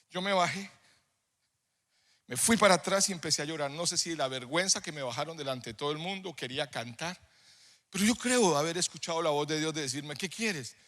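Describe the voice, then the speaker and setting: High bright pastor in a hall. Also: male voice, lively intonation, fairly quick, pauses often. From Colombia. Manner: conversational, swings from soft storytelling to loud emphatic preaching. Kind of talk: sermon with personal storytelling. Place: church hall. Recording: live sermon in a reverberant hall.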